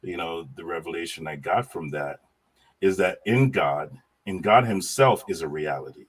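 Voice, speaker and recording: A middle-aged Jamaican man, guesting on a podcast, talks casually about faith and his life in a low, husky voice at a moderate pace. He's animated, repeats his words, and often laughs.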